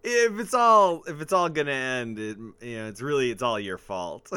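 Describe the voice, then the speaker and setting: A man's voice: mid-range voice, lively intonation, normal speed, pushed and bright, smooth, dry recording. A man co-hosting a podcast in casual chat, rambling, trailing into fillers and laughing often. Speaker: podcast co-host. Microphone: podcast microphone.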